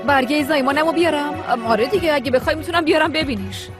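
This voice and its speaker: Woman dubbing a pushy scheming lady, coaxing, bit high voice, music under it. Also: natural voice. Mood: insistent. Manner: coaxing, insistent. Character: scheming woman claiming to be a mother. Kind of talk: dubbed TV drama.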